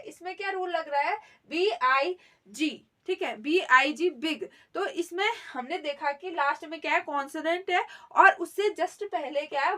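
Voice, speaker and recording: A woman's voice: high voice, fairly bright tone. A woman teaching a grammar lesson, who spells words out letter by letter and keeps checking in with her listeners. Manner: repeats "theek hai" often, spells letters out slowly.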